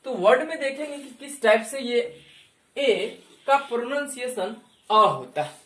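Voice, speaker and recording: A man teaching a lesson as a YouTube teacher, repeating each word slowly and stretching it out to show the pronunciation. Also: extremely high pitch, animated, pushed and bright, reverberant. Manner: drawn-out, repeats words for pronunciation. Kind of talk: slow explanatory lesson.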